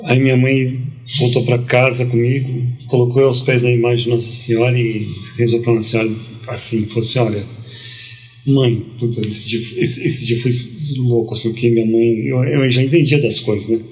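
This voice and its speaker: Man telling a lively slangy story. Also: medium pitch, moderate pace, faint music behind. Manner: lively storyteller, slangy, quotes people in dialogue. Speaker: guest. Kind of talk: casual storytelling.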